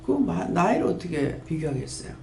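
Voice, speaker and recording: Gravelly Gyeongsang woman in her fifties preaching. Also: brisk, a little hiss or hum. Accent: Gyeongsang Korean. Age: 50s. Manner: earnest, storytelling, lively pitch swings. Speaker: pastor of a prayer house. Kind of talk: sermon testimony. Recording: echoey room with faint ambience.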